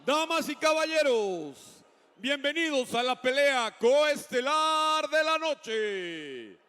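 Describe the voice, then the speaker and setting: High, bright lucha libre style ring announcer man. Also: very animated, long reverb tail. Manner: booming, drawn-out formal fighter introductions. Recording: faint noise, live arena announcement.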